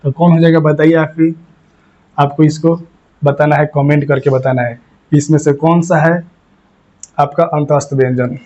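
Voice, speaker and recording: A man teaches an exam grammar lesson, drilling each point and quizzing the class. His voice sits a little high but sounds mellow and soft-edged. The recording is muffled and lo-fi. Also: steady tone, moderate pace, pauses often.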